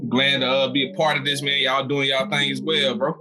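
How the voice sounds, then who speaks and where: A man from Louisiana with a Southern US accent, a comedian guest telling stories in a relaxed, laughing way on a casual podcast. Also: medium pitch, fairly quick, music in the background. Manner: laid-back storyteller, laughs often, says "man" a lot.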